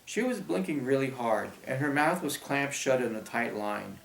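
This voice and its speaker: A man narrating a children's audiobook in a steady storytelling manner. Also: medium pitch, normal speed, vocal fry, a little hiss or hum. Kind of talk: scripted narration. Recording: roomy echo.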